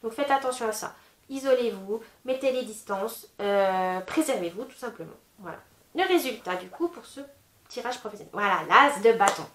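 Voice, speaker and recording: Woman tarot reader, casual and chatty, slightly high voice, roomy echo. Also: animated, moderate pace. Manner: chatty, many fillers like "voilà" and "euh"; gentle advising tone.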